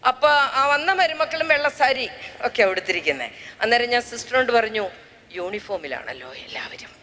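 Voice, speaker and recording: Bright high-voiced older woman storyteller. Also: a little fast, in a large hall, a little hiss or hum. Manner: lively, joking, acts out quoted voices. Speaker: public speaker giving a class. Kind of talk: humorous storytelling talk.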